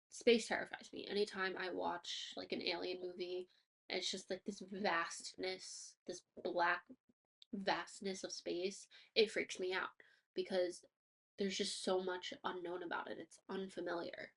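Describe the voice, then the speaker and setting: With a mid-range, gravelly voice, this podcast host delivers a scripted personal finance monologue. Allergies leave her a touch stuffy and nasal, but she stays upbeat and motivational, dropping in casual fillers.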